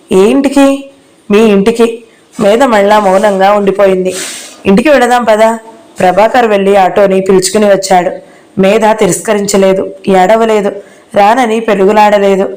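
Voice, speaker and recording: A woman reading a novel aloud as an audio book narrator, with calm, unhurried storytelling that lifts for the characters' lines. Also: medium pitch, low-quality recording.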